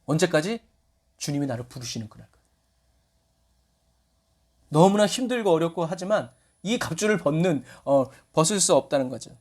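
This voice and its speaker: A man preaches a Sunday sermon in a fairly high, animated voice. His pitch rises and falls widely as he asks his congregation questions. He acts out short quoted scenes along the way. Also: normal speed, long pauses. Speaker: pastor.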